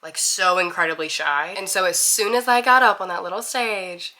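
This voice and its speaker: A woman's voice: lowish voice, normal speed, sharp tone. A woman of twenty from Mississippi, chatting candidly to camera in a casual intro vlog and laughing at herself. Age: 20s. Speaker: vlogger.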